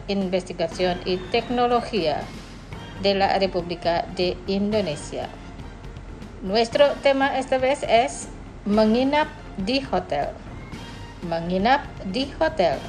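Slow, deliberate woman teaching a language. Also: medium pitch, a little mellow. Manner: deliberate, repeats each phrase slowly for listeners. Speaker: radio language program host. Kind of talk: slow scripted language lesson.

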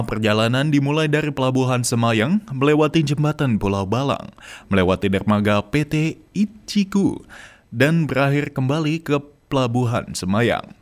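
A man presenting a radio news feature in a steady, formal reading voice. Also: medium pitch. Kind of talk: read news report.

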